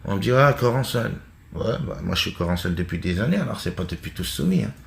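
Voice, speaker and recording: Gravelly middle-aged french guy just talking straight, kinda low voice, lots of restarts. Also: expressive, fast. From France. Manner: blunt, conversational, full of asides and restarts. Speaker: online religious commentator. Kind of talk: casual monologue.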